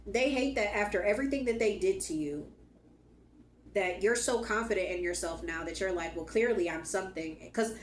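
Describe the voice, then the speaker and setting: A spiritual channel host with a voice going hoarse gives her viewers an emphatic, casual pep talk, repeating key lines and swearing now and then. Her pitch is medium, and the audio sounds roomy with slight background noise.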